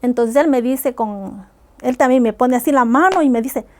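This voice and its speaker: Speaking at a normal speed in a high-pitched voice, a woman from Ecuador gives earnest personal testimony about difficult experiences during a podcast interview.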